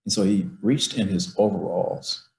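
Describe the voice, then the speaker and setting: A middle-aged man with a fairly low voice tells a family memory at a slow, emphatic pace, acting out the lines of the people in it. He speaks from his office, and the sound carries a noticeable room echo. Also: fairly even intonation, creaky, a little mellow. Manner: slow, emphatic storyteller who acts out his father's words. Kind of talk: personal storytelling.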